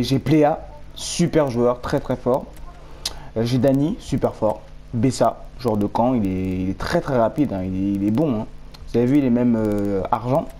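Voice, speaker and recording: A man's voice: medium pitch, mellow. A young man chatting casually to viewers while showing his video game team, rambling and correcting himself often. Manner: rambling, hesitant, self-correcting. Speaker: gaming YouTuber. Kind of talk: casual gameplay commentary.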